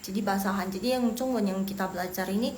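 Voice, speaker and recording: A woman from Medan teaching Mandarin in a casual live lesson, chatty and quick to laugh, talking to viewers as friends. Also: medium pitch, darkish tone, echoey room, slight background noise. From Medan, Indonesia. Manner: chatty, laughs often, talks to viewers as guys.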